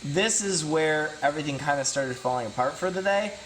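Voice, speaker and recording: A man in his thirties chats loosely about his lifting and comments over workout clips. His voice sits a little high for a man, and he rambles with plenty of ums and restarts. He pokes fun at himself as he goes. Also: animated, fairly quick, fairly bright tone. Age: 30s. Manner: rambling, self-deprecating, frequent fillers and restarts. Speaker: vlogger and strength athlete. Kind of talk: casual talk with workout commentary.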